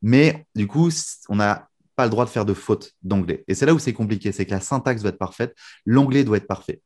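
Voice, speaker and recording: A young man from France talks freely as a guest in an interview. His voice sits fairly low, and he drifts along with easy fillers and restarts. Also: a little fast. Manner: relaxed, many fillers and restarts. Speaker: guest magician. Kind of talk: casual interview chat.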